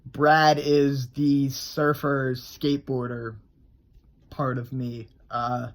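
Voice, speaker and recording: A man's voice: medium pitch, flat delivery, slow pace. A man talking casually about how he builds his characters, loose and rambling, often trailing off and starting his sentences again. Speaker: character creator on his own channel. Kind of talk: casual explanatory vlog.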